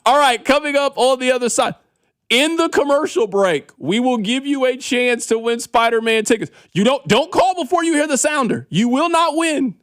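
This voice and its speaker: Male radio host, contest promo read: high voice, very lively intonation, emphatic instructions, dry studio sound. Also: moderate pace, no room sound. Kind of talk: radio contest promo, announcing a giveaway with calling rules.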